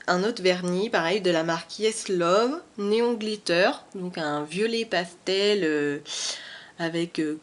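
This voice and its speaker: A young woman with a French accent chatting casually through a haul video at home, hesitant and full of fillers, recorded on a camera mic. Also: on the low side. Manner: hesitant, many fillers and repetitions. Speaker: beauty vlogger. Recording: faint background noise.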